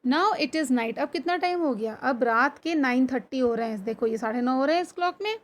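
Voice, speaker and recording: A woman teaching an online class, reading lines from a textbook slowly and then explaining them in Hindi, with questions to her students and frequent "theek hai" check-ins. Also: sits high, expressive. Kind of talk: recorded online lesson explaining a textbook chapter. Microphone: computer or phone screen recording.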